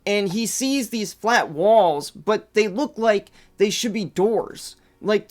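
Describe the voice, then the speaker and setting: Casual young man retelling a story. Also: high-pitched. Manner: conversational, loose phrasing with fillers like "like" and "kinda". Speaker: narrator.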